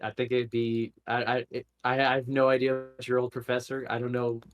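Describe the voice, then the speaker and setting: A man talking loosely on a casual podcast, circling his points with fillers and false starts. His voice sits at an ordinary middle pitch. He sounds relaxed and conversational. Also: a little fast. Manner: rambling, frequent fillers and restarts.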